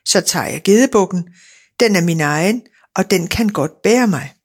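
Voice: mid-range voice, lively intonation, husky. A storyteller voicing a simple, cheerful young farm lad who eagerly calls out and boasts in a storybook reading. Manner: eager, boastful, keeps calling out.

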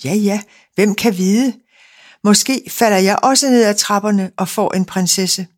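A woman's voice: mid-range voice, natural voice. A woman reading the thoughts of an anxious, naive fir tree in a fairy tale. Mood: wondering. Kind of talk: storybook reading.

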